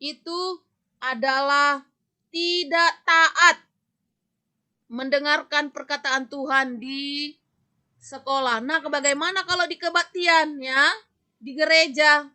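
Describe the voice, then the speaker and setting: A woman teaching a children's religion class over a video call. Her voice sits high and sounds bright, and she talks in a lively, scolding way. Now and then she acts out the children's voices. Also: slow pace, pauses often. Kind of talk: online class lesson.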